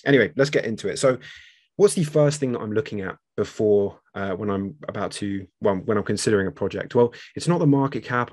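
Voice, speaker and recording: A man's voice: lowish voice, a little mellow, no room sound, studio quality. Casual, slightly breathless man. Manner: chatty, self-deprecating, frequent ums. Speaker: crypto channel host. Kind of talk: casual screen-share analysis.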